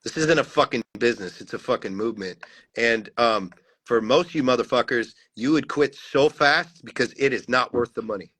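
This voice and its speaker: A man's voice: mid-range voice, a little fast, fairly bright tone, husky. A man in casual podcast chat, talking intensely and swearing heavily for emphasis. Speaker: podcast co-host.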